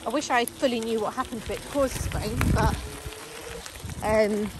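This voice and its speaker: Cycling an electric bike through the forest, a woman vlogs casually at a moderate pace while addressing the camera. Calls to her dogs come out as a high, coaxing sing-song, and the outdoor recording carries steady wind and road noise clearly under her voice.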